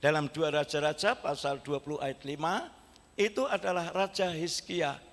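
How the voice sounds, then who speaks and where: A man's voice: a little high, normal speed. A male pastor preaching a sermon in a church, telling the story vividly and acting out the quotes. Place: church sanctuary. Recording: echoey church hall.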